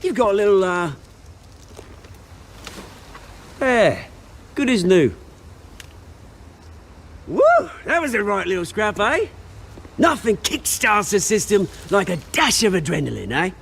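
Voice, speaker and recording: An actor playing a cocky, volatile British rogue, a fallen heir turned revolutionary, taunting and theatrical in a video game. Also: male voice, sits high, big pitch swings, unhurried, gravelly, long pauses, fairly bright tone, slight background noise, heavily acted. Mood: jaunty.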